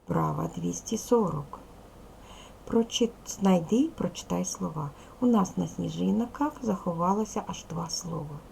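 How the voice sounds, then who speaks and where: A woman teacher leads a video lesson for small children, asking simple questions and praising their answers patiently. Her voice has a strong gravelly fry, and a faint hiss of room noise sits behind it. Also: lowish voice, a little slow, darkish tone, poor audio. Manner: reads a poem aloud expressively. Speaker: primary school teacher.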